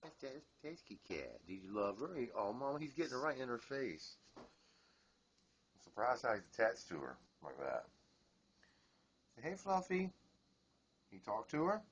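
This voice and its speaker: A man's voice: medium pitch, sing-song, moderate pace, breathy edge. A man filming his pets at home, chatting casually and cooing to them in baby-talk. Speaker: pet owner filming at home. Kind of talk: casual home video commentary. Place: home room.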